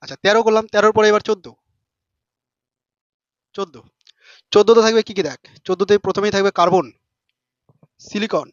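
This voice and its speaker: A man teaches a class at a rapid clip, fast, informal and full of quick questions to his students. His voice sits high. The recording is dry and a little dull. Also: steady tone, no room sound. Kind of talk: classroom lesson.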